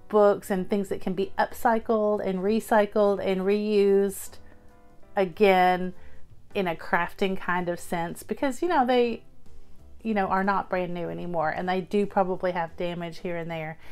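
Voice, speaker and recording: A woman's voice: mid-range voice, smooth. A middle-aged woman casually showing her thrift store finds on a tabletop, chatty and upbeat, with plenty of fillers. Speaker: thrift haul vlogger. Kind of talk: casual haul show-and-tell. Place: indoors at a table.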